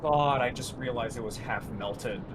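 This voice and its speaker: A man's voice: medium pitch, unhurried, noisy background. A man streaming a game with casual, chatty commentary.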